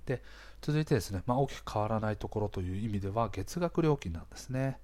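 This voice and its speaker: A man with a slightly hoarse voice hosts a casual explainer, talking conversationally to listeners and often checking in with small interjections. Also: lowish voice, expressive, fast talker, a little mellow. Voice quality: hoarse, gravelly-sounding voice. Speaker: podcast host.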